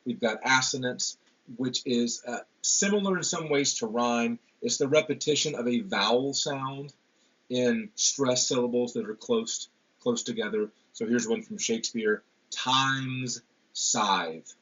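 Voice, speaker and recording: Guy lecturing a class, lots of ums, kinda husky voice, dull lo-fi sound. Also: mid-range voice, normal speed, fairly bright tone. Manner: hesitant, many ums and repeated words. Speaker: literature lecturer.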